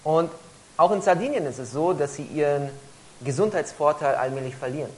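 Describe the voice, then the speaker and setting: A woman interpreting a talk phrase by phrase, often pausing and hesitating as she searches for words. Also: sits low, darkish tone, poor audio. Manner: frequent hesitations while rendering each phrase. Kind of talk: consecutive interpreting into German.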